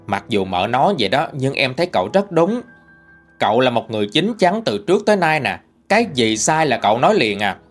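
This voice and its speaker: A man with a Southern Vietnamese accent narrates a ghost story in a casual, conversational manner. His pitch moves animatedly through the telling, and soft music plays faintly behind him. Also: big pitch swings, brisk.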